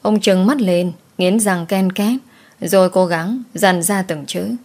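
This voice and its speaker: A woman's voice: on the low side, takes it slowly, a little mellow. A woman narrating a dramatic folk tale and giving each character a voice of her own. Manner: voices every character herself, shifting tone for each. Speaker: storyteller.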